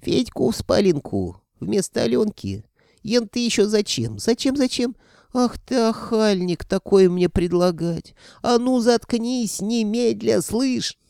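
A gloating, unhinged sorcerer, put on by a man reading an audiobook, stretching words slowly and leeringly before flying up into a shrill squabble with himself. The voice pitches high above the reader's own, with a gravelly rasp underneath and a dry, close sound. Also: animated, dark tone, no echo, exaggerated voice. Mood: shrill, indignant.

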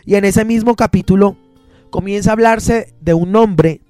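A man's voice: sits high, a little mellow, no echo, soft background music. A male pastor preaching a sermon, stopping and restarting his sentences as he explains a Bible passage. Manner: preaching with many pauses and restarts. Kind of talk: radio sermon.

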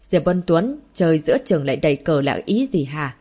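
A man's voice: fairly high pitch, very animated, brisk, a little mellow. A woman reading the lines of a proud, touchy middle-aged uncle in an audiobook, with a sulky manner. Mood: grumbling.

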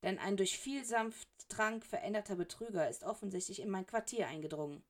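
A woman's voice: mid-range voice, brisk, lightly acted. A woman reading as a suspicious, indignant younger male wizard in a storybook, close to her own voice. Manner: hissing, indignant. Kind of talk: audiobook character reading.

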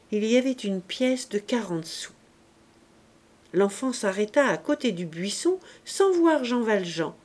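A woman narrating a classic novel as an audiobook in a measured, expressive reading. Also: on the high side. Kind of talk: slow literary audiobook narration.

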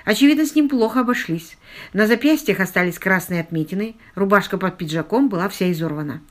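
A woman with a mid-range voice narrates a detective novel as an audiobook reader. Her scripted storytelling stays even and measured.

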